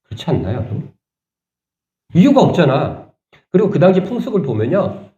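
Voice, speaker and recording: A man preaching a sermon as pastor, talking conversationally and asking the congregation rhetorical questions, turning animated and indignant at points. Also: on the high side, brisk, echoey room, lo-fi sound. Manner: animated, rising sharply when voicing indignation. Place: church sanctuary.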